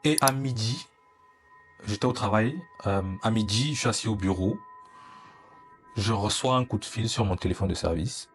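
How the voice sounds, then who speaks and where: Young man, low-pitched, earnest storyteller, faint music behind. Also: moderate pace, pauses often. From Cameroon. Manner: earnest, recounting, acts out dialogue. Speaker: interviewee. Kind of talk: personal storytelling.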